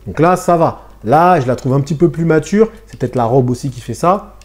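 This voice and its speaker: A man's voice: on the high side, a little fast. A man reviewing a manga chapter in casual slangy talk, addressing his viewers directly. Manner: animated, slangy, talks to viewers.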